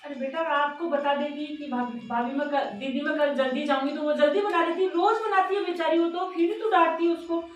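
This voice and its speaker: A woman's voice: high-pitched, fairly even intonation, fairly quick, few pauses, close to an everyday voice. A woman playing a fair-minded middle-aged mother-in-law in a home family skit, coaxing and reasoning. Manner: coaxing, keeps calling others 'beta'. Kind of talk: amateur home drama acting. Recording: echoey room, distant mic, faint music.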